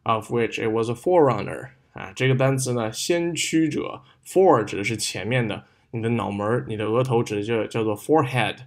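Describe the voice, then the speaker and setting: Patient bilingual male tutor. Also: medium pitch. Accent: Mandarin Chinese. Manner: explains words patiently, switches between Chinese and English, models stress and pauses. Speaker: English exam tutor. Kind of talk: recorded lesson explaining a reading passage.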